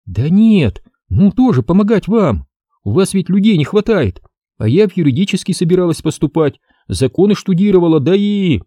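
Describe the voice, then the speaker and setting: A stubborn, whiny teenage girl begging for a place on the team, as a man voices her. Her voice sits high and jumps around as she pleads. It is an audiobook read in a dry, close booth. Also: sing-song, normal speed, warm tone, no echo. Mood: pleading.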